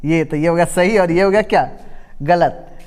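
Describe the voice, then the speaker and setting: A man's voice: fairly high pitch, normal speed, a little mellow. A man teaching a grammar lesson. He draws vowels out to demonstrate them and keeps checking in with "ठीक है". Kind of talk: classroom-style grammar lesson. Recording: long echoing reverb in a room.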